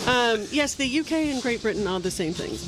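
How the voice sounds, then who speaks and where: A woman's voice: a little high, lively intonation, fairly quick, over music, poor audio. A Welsh woman in her forties, a journalist guest chatting casually in an interview, wry and jokey with filler ums. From Wales. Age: 40s.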